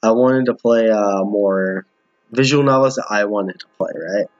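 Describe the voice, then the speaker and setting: Here a man with a fairly low voice and measured pace streams a visual novel for viewers, giving relaxed commentary. He reads lines aloud and regularly fumbles or repeats them. The audio is a muffled, roomy home recording.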